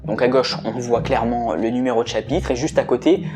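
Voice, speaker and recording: A man's voice: mid-range voice, brisk. Chatty male host over background music. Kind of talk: narrated explainer video.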